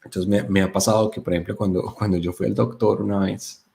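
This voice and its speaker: A man's voice: lowish voice, brisk, gravelly. A young man from Colombia with a Colombian accent, a guest telling stories in a casual interview with many fillers. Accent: Colombian Spanish (Paisa). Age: young adult. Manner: animated storyteller, many fillers. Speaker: guest, software developer.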